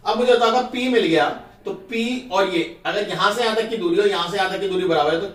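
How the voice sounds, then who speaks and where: In a school math lesson, a man explains step by step, reads out terms, and quizzes his students with quick questions. His voice is high-pitched and fairly bright, heard far from the mic in an echoey room.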